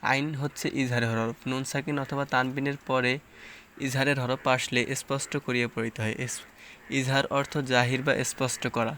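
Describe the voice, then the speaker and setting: A man's voice: medium pitch, level tone, sharp tone, a little hiss or hum. A man teaching Quran recitation rules, explaining each rule plainly and asking and answering his own questions. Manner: explains rules plainly, then recites verses slowly and drawn out. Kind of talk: tajweed lesson, explaining and reciting.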